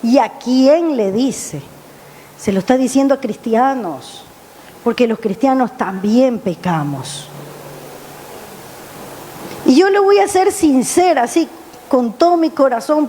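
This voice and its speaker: A woman pastor preaching an impassioned sermon, rising high on questions and dropping low on appeals to her listeners. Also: lively intonation, a little slow, dark tone, a little hiss or hum. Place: church. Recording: church hall with long reverb.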